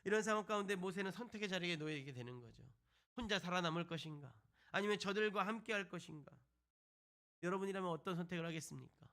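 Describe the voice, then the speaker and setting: A man's voice: high voice, fast, a bit bright. A man, a pastor, preaching a sermon to a youth service, asking the congregation rhetorical questions and retelling scripture. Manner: retells scripture with acted quotes.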